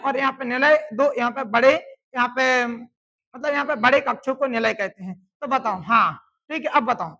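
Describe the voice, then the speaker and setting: High, bright woman drilling a class. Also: lo-fi sound. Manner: drills students with call-and-response questions; repeats answers slowly and loudly for emphasis. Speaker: teacher. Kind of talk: classroom science lesson.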